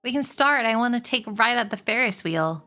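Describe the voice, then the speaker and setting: A woman reading aloud and voicing an excited young girl with a high, urgent voice. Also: brisk, faint music behind.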